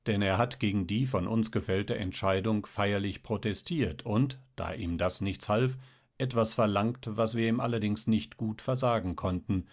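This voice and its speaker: A man voicing a genial, knowing middle-aged official and father in a read-aloud story, measured and wry. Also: fairly low pitch, lightly acted.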